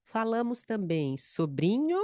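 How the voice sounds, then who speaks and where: A woman's voice: on the high side, very animated, a little slow, warm tone, dry recording, clean studio sound. A woman with a Brazilian accent teaching Portuguese in an online lesson, patiently repeating words and mixing in Spanish. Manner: mixes Spanish and Portuguese mid-sentence. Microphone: screen-shared recording, close mic.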